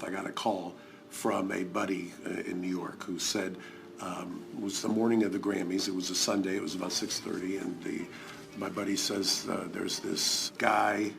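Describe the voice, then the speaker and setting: Lawyer guy, low gravelly, calm matter of fact with lotsa uhs. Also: a little hiss or hum. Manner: measured, matter-of-fact with 'uh' pauses. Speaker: defense lawyer. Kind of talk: documentary interview.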